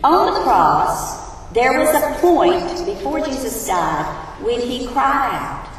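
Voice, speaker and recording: A woman's voice: high voice, big pitch swings, slow, recorded from a distance, slight background noise. A woman teaching a sermon who asks her congregation questions, her voice echoing around a big hall. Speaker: Bible teacher. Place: large hall.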